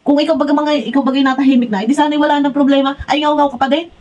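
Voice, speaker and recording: A woman's voice: high voice, steady tone, very fast, darkish tone, highs cut off. A woman ranting in a reaction vlog, exasperated and scolding, firing off one rhetorical question after another. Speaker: vlogger.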